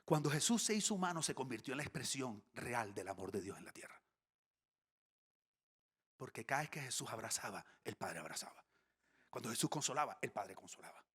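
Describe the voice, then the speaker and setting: Animated man preaching a comic sermon. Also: lowish voice, a little fast, long pauses, slightly rough. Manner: animated, comic storytelling with dips into whispers. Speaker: pastor. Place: church stage before a congregation.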